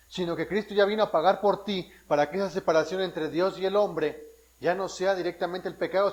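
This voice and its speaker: A fairly high-voiced man from Mexico preaches a sermon as a pastor. He works through Bible passages in a teaching way and keeps checking in with his listeners. His delivery is full of restarts and quick self-corrections. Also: poor audio.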